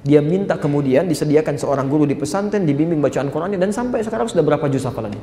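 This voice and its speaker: A male preacher delivers a lively sermon at a fast clip, calling out to his listeners as sir and madam and slipping into quoted prayers and dialogues. His voice sits a little high. It rings through a reverberant hall over faint ambient noise. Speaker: Islamic preacher. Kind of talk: sermon to a live audience.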